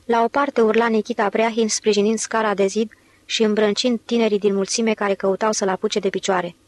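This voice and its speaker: A woman reading a novel aloud in steady, measured literary narration. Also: mid-range voice. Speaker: audiobook narrator.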